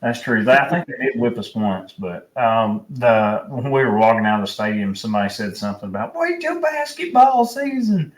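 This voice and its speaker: A man's voice: lowish voice, a little fast, few pauses. A man hosting a casual sports chat, rambling with many fillers. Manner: rambling, filler-heavy storytelling. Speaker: podcast host. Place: home room at night. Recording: roomy echo, distant mic, faint noise.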